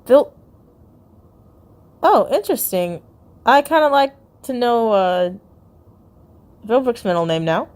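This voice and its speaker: A woman's voice: fairly high pitch, expressive, slow, pauses often. Giggly woman chatting over a game. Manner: giggly, chatty, reacts out loud and stumbles over reading. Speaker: video game YouTuber. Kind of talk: casual commentary while browsing a game's secret files.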